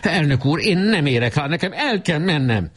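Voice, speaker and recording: Male reader doing a high, shrill small boy, anxious and eager, husky edge. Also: big pitch swings, heavily acted. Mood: urgent. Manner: shrill shouting. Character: small excited blond schoolboy, eager and anxious.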